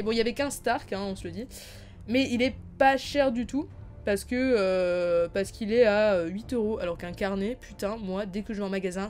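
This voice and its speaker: A young woman in her late teens talks through an unboxing vlog in a loose, chatty way. She rambles, restarts her sentences and fills gaps with little hesitations, her voice sitting at a middling pitch. Faint music plays underneath. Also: darkish tone. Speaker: YouTuber.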